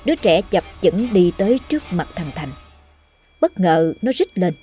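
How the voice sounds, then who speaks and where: A woman narrating a scripted horror story in a steady, measured way. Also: lowish voice, faint music behind.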